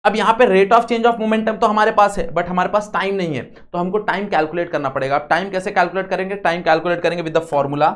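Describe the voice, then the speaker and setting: High-voiced male physics teacher, Indian accent. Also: steady tone, a little fast, hardly any pauses. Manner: repeats steps, quizzes students often. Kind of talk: classroom lecture.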